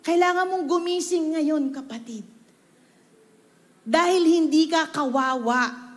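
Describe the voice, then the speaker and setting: A woman pastor delivers an emphatic sermon in mixed English and Filipino, throwing rhetorical questions at her listeners. Her voice sits high. The sound carries a long reverb from a large church hall. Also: slow pace. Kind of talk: Taglish sermon.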